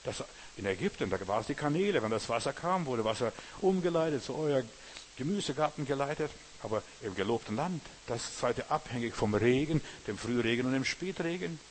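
A man preaches a sermon in a folksy, conversational way. He keeps checking in with the listener, asking whether they know and understand. His voice sits at an ordinary pitch, with a faint hiss behind it. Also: expressive, brisk.

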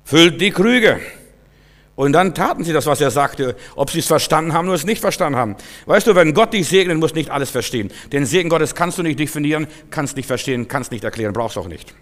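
A man's voice: a little high, animated, fast talker. A man preaching a sermon in a folksy way, acting out the figures he quotes. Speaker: pastor. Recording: long reverb of a hall.

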